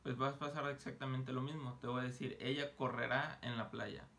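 A man teaching an online English lesson, explaining grammar casually and slowly sounding out English example phrases. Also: mid-range voice, steady tone, fairly bright tone. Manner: slow, deliberate modeling of English phrases; casual, joking asides.

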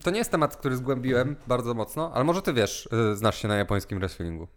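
A man's voice: medium pitch, expressive, fast talker. A man in casual podcast chat who rambles, loses his thread and mixes in English words.

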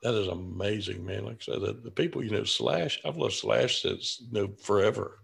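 A laid-back man who hosts an interview show, talking enthusiastically over a video call. His voice is low, gravelly and a little husky. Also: normal speed. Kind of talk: casual chat.

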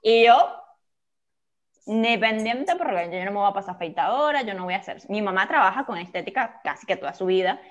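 A woman's voice: mid-range voice, expressive, fairly quick. A woman with a Venezuelan Spanish accent, chatting casually and frankly as a co-host with laughing asides. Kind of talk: casual chat. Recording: dull lo-fi recording.

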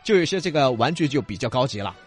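A man's voice: mid-range voice, sing-song, fast, husky, soft background music. A man, around his thirties, speaking Sichuan dialect as a comedy co-host, bantering with a teasing, mock-scolding manner.

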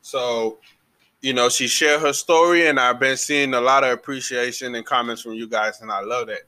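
A man's voice: mid-range voice, fairly even intonation, moderate pace, pushed and bright. A young man from Liberia hosting a podcast, talking casually in a laid-back, slangy way and thanking his listeners. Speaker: podcast host.

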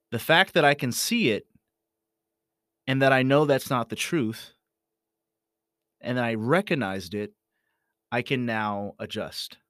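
Low-voiced man in a reflective, meditative monologue. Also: a bit bright, no room sound, studio quality. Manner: reflective, halting, repeats phrases for emphasis. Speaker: host of a self-help podcast. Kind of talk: unscripted meditative motivational monologue. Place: small closet used as a home studio.

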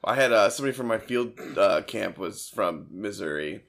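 A young man from Michigan co-hosting a podcast, telling animated stories and swearing freely in a casual chat over beer. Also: fairly low pitch, moderate pace. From Dearborn, Michigan, US. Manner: animated storyteller, swears freely, laughs often. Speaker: podcast co-host.

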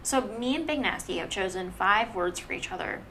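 A woman co-hosting a podcast in casual, playful chat, talking in quick bursts. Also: mid-range voice, animated, sharp tone, slight background noise. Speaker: podcast co-host.

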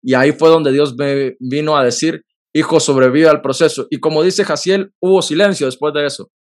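An earnest man. He tells a personal faith story in conversation, and his voice sits a little high. He talks with feeling, in quick bursts. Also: fairly even intonation. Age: 30s. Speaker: podcast host.

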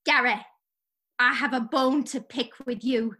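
A woman's voice: high voice, fairly even intonation, measured pace, sharp tone, exaggerated voice. A woman improvising a fed-up, scolding English wife in her mid-forties, with an English accent. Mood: indignant. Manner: scolding, sarcastic. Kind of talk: improvised comedy sketch.

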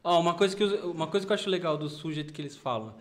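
A man with a paulistano accent chats casually on a podcast, teasing and doing playful impressions of how people talk. His voice sits fairly high for a man. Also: very fast. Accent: Paulistano Portuguese. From São Paulo city. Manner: jokey, imitates regional speech. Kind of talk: casual chat.

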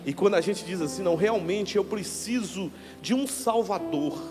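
A man preaches with a high voice, sinking into hushed lows and climbing to loud, fervent declarations. His voice rings through a large, reverberant church hall with soft music underneath. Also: animated, moderate pace. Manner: swings from low hushed lines to loud declarations. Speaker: pastor. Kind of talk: sermon.

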